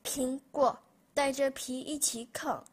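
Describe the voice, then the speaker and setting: A woman's voice: high-pitched, big pitch swings, a little slow, fairly bright tone, breathy edge, full character voice. A woman voicing a small, wistful wolf in a storybook reading, stubbornly refusing in a pouting way. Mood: timid. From Malaysia.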